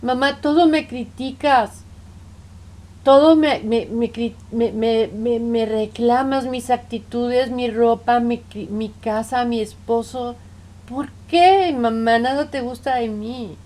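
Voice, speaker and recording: A woman's voice: fairly high pitch, steady tone, takes it slowly, darkish tone. A woman speaking as a middle-aged counseling patient who reproaches her parents, pleading and repeating "mom" between accusations. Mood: tearful pleading.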